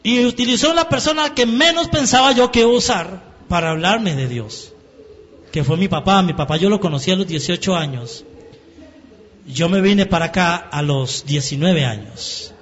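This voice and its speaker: A man preaching his testimony in a sermon, turning emotional and rising to shouts at the peaks. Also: high-pitched, moderate pace. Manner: emotional, rises to shouting at climaxes. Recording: dull sound in a reverberant hall.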